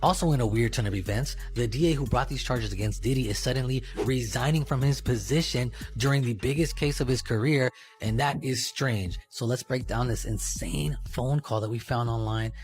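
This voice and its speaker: A male online host presents a casual investigative exposé, talking straight to the audience as commentary. His pitch sits in the middle, with faint music underneath. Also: moderate pace.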